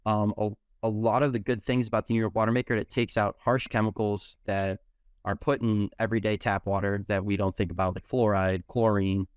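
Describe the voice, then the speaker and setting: A young man who owns a pizzeria, explaining his process in a casual interview, steady and full of ums. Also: lowish voice, fairly quick, smooth, no echo, studio quality. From United States. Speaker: pizzeria owner.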